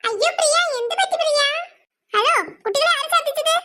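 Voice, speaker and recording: A woman's voice: very high-pitched, animated, fairly quick, bright, forceful tone, pitched above the performer's own voice, heavily acted. A woman voicing a caring, motherly schoolteacher in a cartoon, fussing over the children. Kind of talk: cartoon voice acting.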